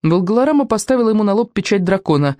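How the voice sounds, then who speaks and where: Expressive woman reading a storybook. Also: mid-range voice, very fast, no echo. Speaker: audiobook narrator. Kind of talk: audiobook narration.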